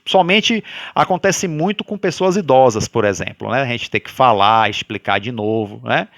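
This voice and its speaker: A man with a Brazilian Portuguese accent leading a guided religious study, talking loudly by habit and often checking in with his listeners. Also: medium pitch, normal speed, dry recording. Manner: animated, sways between loud and soft. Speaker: study group leader.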